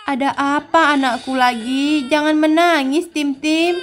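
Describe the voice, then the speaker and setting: Woman game host, high voice, motherly, talks to viewers. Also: fairly even intonation, a little slow. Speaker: gaming channel host. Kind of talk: let's play commentary.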